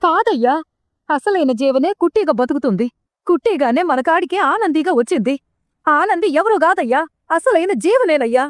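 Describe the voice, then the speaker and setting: A woman's voice: sits high, animated, normal speed, no room sound, clean studio sound. A woman voicing a worried village mother with a Telangana accent, pleading and urgent in a serial recap. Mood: earnest. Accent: Telangana Telugu.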